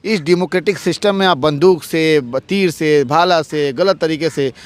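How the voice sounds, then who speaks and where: A man with a somewhat high voice speaks as an interviewed advocate. He argues forcefully, piling up rhetorical questions and repeated phrases. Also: normal speed, clean tone. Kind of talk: heated political interview.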